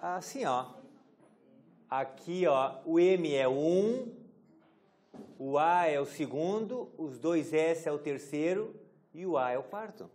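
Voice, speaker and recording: A man's voice: fairly high pitch, expressive, a little slow, darkish tone. Joking male teacher quizzing a class. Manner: casual, joking, asks the class questions. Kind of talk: classroom lecture.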